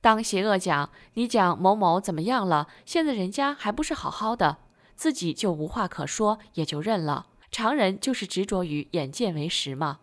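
A woman reading a prepared text aloud at a steady, even pace. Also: medium pitch, moderate pace.

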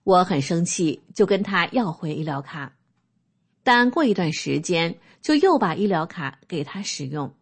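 A woman reading a first-person personal testimony aloud in a calm, steady manner. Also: lowish voice, unhurried, breathy edge. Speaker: narrator.

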